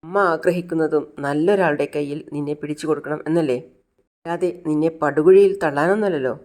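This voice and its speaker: A gentle Malayali sister-in-law pleads and reasons with a younger woman, as a storyteller voices her. She sounds patient and earnest. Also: mid-range voice, quick pace, close to an everyday voice. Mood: pleading. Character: gentle elder sister-in-law urging a match.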